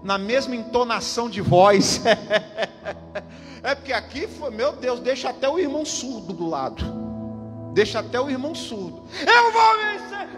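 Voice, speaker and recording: High-voiced Brazilian pastor preaching fervently. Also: male voice, moderate pace. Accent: Brazilian Portuguese. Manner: emphatic, repeats lines, calls out to the congregation. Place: church service. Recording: reverberant church hall with music behind. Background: music and congregation.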